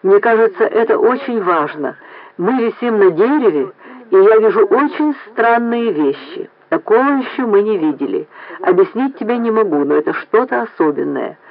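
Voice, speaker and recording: Guy doing a hoarse out-of-breath stranded leader, high strained voice, tinny phone sound. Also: lively intonation, normal speed. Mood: pleading. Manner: urgent, repeating himself over the radio link. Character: breathless hoarse male expedition leader calling for help.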